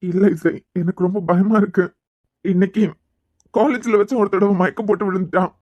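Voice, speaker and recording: A woman's voice: medium pitch, steady tone, a little fast, no room sound, dull audio, natural voice. A woman voicing a worried young man in a cartoon series, pleading and tender, with a Kanyakumari Tamil accent. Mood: remorseful. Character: anxious young man tending a fainted girl. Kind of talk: cartoon web series voice acting.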